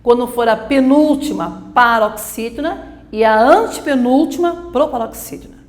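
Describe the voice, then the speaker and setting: Woman, teacher, step-by-step grammar lesson, rather high voice, echoey room. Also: moderate pace. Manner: explains step by step, asks and answers her own questions. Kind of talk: grammar lesson for exam prep.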